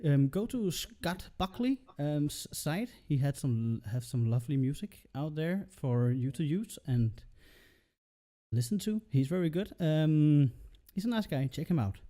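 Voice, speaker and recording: A man runs a tabletop game stream as its host and game master. His voice sits a bit high but sounds mellow and soft-edged. He talks loosely and swears freely. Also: animated, a little slow. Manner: loose, swearing, laughs often. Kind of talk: casual stream intro.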